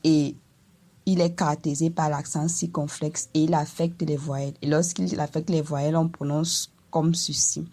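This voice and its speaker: A woman teaching a language lesson, explaining slowly and carefully and voicing vowel examples for each tone. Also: sits low, level tone, warm tone. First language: Eton.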